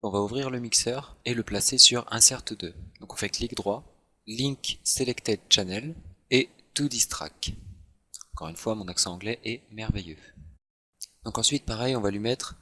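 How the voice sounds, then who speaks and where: A man talks through a software tutorial at his computer, step by step and unhurried, dropping the odd self-mocking aside. His voice sits a little low yet comes across bright and forceful. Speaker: tutorial host. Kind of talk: screen-recorded software tutorial.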